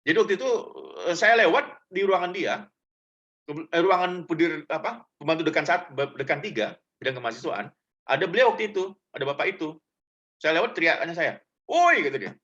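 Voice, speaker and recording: A man's voice: a little high, animated, a little fast, a bit bright, muffled recording. A middle-aged man giving a casual talk to students, telling personal stories in a chatty, loose way with many fillers. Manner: chatty, loose, full of fillers, addresses listeners directly. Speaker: guest speaker.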